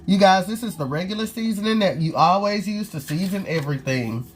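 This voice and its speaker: A cooking vlogger with a cold makes nasal, casual conversation with viewers as she cooks at home. She has a medium pitch, lively intonation and a slightly quick pace, over a little hiss or hum.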